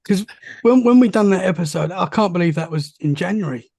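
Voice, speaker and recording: A man chats casually as a podcast host. His voice is gravelly and rough-edged, recorded dry. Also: high-pitched, animated, fairly quick, dark tone, no echo. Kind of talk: casual chat.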